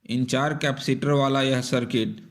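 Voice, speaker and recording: Reading from a script, a man talks through a technical repair tutorial, covering each part methodically and in sequence. His voice is medium in pitch, with fairly even intonation and a moderate pace.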